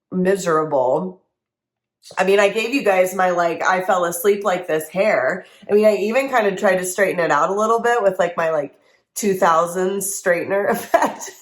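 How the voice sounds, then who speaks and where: A young woman talks straight to camera in a loose, rambling way, her voice thick and congested from a cold. She is casual and self-deprecating and drifts from point to point as she chats. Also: mid-range voice. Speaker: candle business owner, vlogger. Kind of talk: casual unedited chat to camera.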